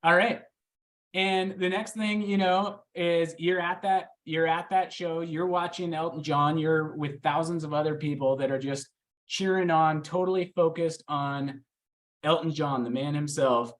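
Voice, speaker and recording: A man coaching a real estate team, telling a lively story and quizzing the room as he teaches. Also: a little high, measured pace. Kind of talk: training talk to a small team.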